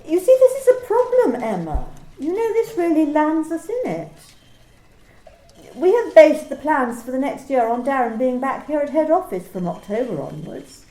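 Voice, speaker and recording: Recorded at home during lockdown, a woman plays a cold, controlling company manager in an amateur radio play, speaking in a clipped, coolly formal, stern way. Her voice is high and sing-song at a moderate pace, mellow, in an echoey room with a rough recording.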